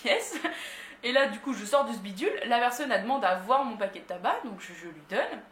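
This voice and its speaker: A woman's voice: on the high side, expressive, a little fast, fairly bright tone, a little hiss or hum. A young woman from France telling a story in a casual, slangy way, laughing often. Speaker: vlogger. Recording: roomy echo.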